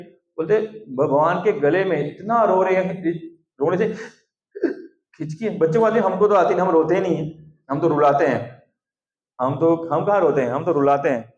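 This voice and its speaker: A man giving a devotional class, telling a sacred story and acting out its scenes with a raised voice. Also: fairly high pitch. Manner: animated, acts out scenes with raised voice. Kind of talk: storytelling sermon. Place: temple or devotional gathering room. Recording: roomy dull lo-fi recording.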